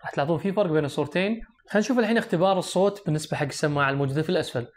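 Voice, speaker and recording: This young man's voice is a little high and races along as he reviews a phone, his Kuwaiti Arabic accent clear. Sitting at a desk close to the camera in a small room, he lays out the device's features for viewers.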